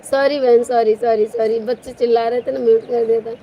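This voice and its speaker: Playful high-voiced woman live-streaming. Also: little pitch movement, brisk, dark tone, a little hiss or hum, low-quality recording. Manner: playful, teasing, laughs often. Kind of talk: casual live stream chat.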